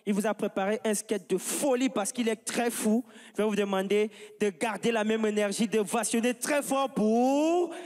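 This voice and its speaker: A man doing stand-up and introducing acts on a comedy stage, animated and hyping up the crowd. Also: high-pitched, moderate pace, few pauses. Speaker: comedy show host. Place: large stage with live audience. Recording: live stage sound with long reverb.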